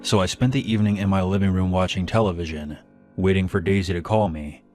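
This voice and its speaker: A man narrating a first-person horror story in a calm, plain manner. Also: deep voice, fast, faint music behind.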